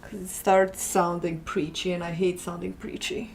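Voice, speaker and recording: A woman's voice: lowish voice, flat delivery, moderate pace, vocal fry, darkish tone, a little hiss or hum. A woman chatting casually on a livestream while painting, laughing often and poking fun at herself. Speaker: streamer painting a mural.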